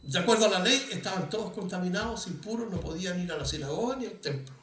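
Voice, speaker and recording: High-voiced preacher in an echoey church. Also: male voice, quick pace, a bit bright, recorded from a distance, slight background noise. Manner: conversational preaching, asks the congregation questions, frequent restarts. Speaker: pastor. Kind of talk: sermon. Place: church hall.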